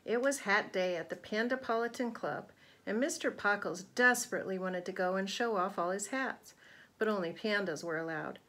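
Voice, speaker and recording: A woman reading a children's picture book aloud, expressive and pausing to ask young listeners questions. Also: medium pitch, slight background noise. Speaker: read-aloud narrator.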